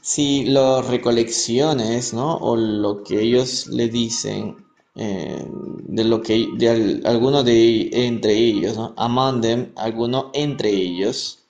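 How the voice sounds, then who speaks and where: A man from Peru teaching English on a live stream, reading aloud and explaining words in Spanish, repeating each pronunciation slowly. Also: medium pitch, vocal fry, a little mellow. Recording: echoey room, faint music behind.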